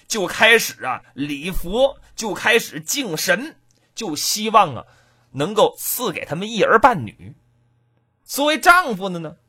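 A man telling a folk tale in an animated, rhythmic oral storytelling style. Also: high-pitched, breathy edge.

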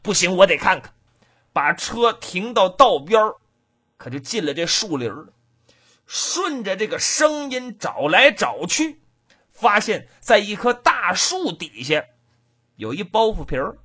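A man telling a folk tale in an animated, rhythmic oral storytelling style. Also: high-pitched, a little slow, husky.

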